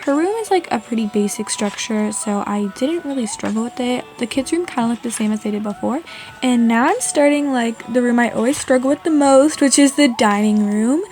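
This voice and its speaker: The narrator, a woman from Canada, gives a loose, chatty voice-over of a game build while music plays underneath; she's informal, undecided, and leans on "like" and "honestly." She sounds a little high and brisk, with lively intonation and a darkish tone.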